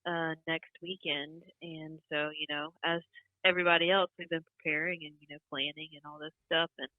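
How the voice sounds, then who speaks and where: A country singer from North Carolina talking on a telephone line in a casual interview, chatty and quick to laugh. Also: female voice, sits low, little pitch movement, dry recording. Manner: chatty, laughs often between points. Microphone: phone. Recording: dry, tinny telephone line.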